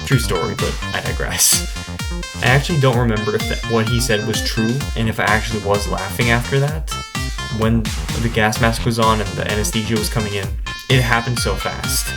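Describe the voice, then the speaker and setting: A man's voice: on the low side, brisk. A man vlogging, casually telling a personal story to camera in a conversational way. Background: instrumental music.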